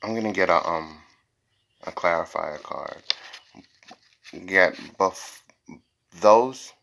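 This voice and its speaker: With a low, fairly bright voice, a man takes his time as he improvises a tarot reading for viewers, hosting it informally. He's blunt and emphatic, says things over again, and swears here and there.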